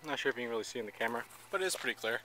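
The recording is rough, with music behind a young man whose medium-pitched voice races along animatedly. He's a vlogger who paints houses, joking and rambling casually into an arm's-length camera outside by a wooden deck and yard.

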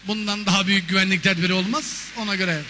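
A man's voice: high-pitched, fairly even intonation, quick pace, sharp tone, a little hiss or hum. A man voicing a pious male airline pilot making solemn intercom announcements. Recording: long reverb of a stage hall.

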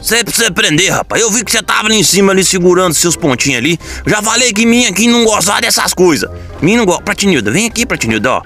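Excitable high-voiced man, twang. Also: racing, soft background music. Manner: excitable, exaggerated, folksy rural slang. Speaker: gaming comedy creator. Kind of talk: comedic gameplay commentary.

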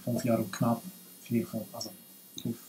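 A man's voice: medium pitch, completely flat delivery, moderate pace, warm tone, low-quality recording. A young man from Iran with a Persian accent, talking in a casual interview, hesitant and searching for words with many restarts, recorded at a table in a small room. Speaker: guest. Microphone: camera from a few meters.

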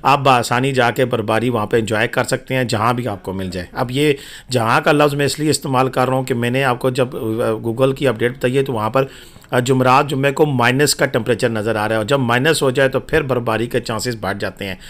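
A man's voice: medium pitch, fairly quick, fairly bright tone. A man narrating a travel and weather update as a voice-over, chatty and informal, with frequent fillers.

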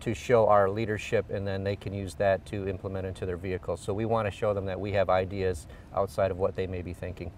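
A man's voice: sits low, flat delivery, fast, hardly any pauses, a little mellow, far from the mic, a little hiss or hum. A middle-aged man, an engineering executive, explaining a product in an outdoor on-camera interview with frequent fillers. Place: outdoors beside a car. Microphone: lapel.

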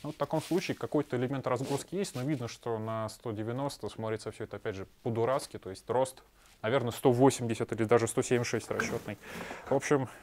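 Mid-range in pitch, quick, and darkish in tone, a man in his thirties delivers a product review of a backpack. He's a shop owner in a small shop room with a lapel mic, and he's blunt and sarcastic, with crude asides.

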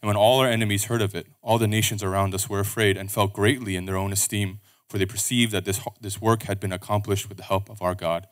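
A man reading scripture aloud at a pulpit microphone in a church service, steady and measured. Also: lowish voice.

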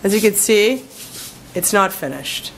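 A woman's voice: medium pitch, animated, a little slow, a bit bright, a little hiss or hum, low-quality recording. A woman in her forties, filming herself at arm's length with a phone in an outdoor garden, talking in a chatty, rambling way with lots of "like". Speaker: travel vlogger. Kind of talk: casual vlog walkthrough. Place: outdoor garden courtyard of a house. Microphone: phone camera at arm's length.

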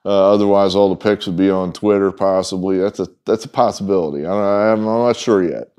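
Fairly quick and low, with a warm, smooth tone, a middle-aged man presents sports betting picks to the camera. He talks casually and off the cuff, rambling folksily with lots of ums and trailing asides, in a wood-paneled indoor room in front of a whiteboard.

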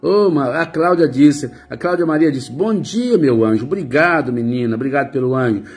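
A man's voice: mid-range voice, animated, brisk. A Brazilian man hosting a casual live stream as a psychic, greeting viewers by name and teasing them in a chatty way. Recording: faint music behind.

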